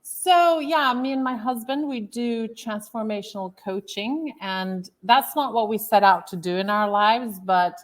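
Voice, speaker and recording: Her voice sits on the high side as she speaks unhurriedly, with hardly any pauses. She's a Turkish woman in her thirties, a guest author and transformational coach, telling her life story in a loose, chatty interview with many fillers.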